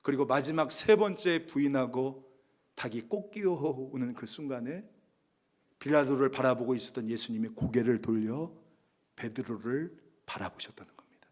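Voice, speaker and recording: A male pastor preaching a dramatic sermon, swinging from hushed near-whispers to loud, emphatic appeals, in a church sanctuary. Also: medium pitch, normal speed.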